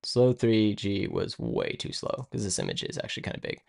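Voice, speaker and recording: A man's voice: on the low side, huge pitch swings, brisk, creaky, a little mellow, dry recording, clean studio sound. A man live-streaming his coding work, thinking aloud in a rambling, casual way and muttering to himself as he goes. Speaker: live-streaming web developer.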